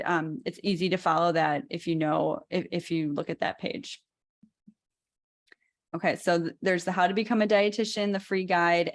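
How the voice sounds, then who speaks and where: A woman with a Chicago accent in her thirties, hosting a casual talk about becoming a dietitian, chatty with many fillers and restarts. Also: fairly low pitch. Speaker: host, dietitian educator.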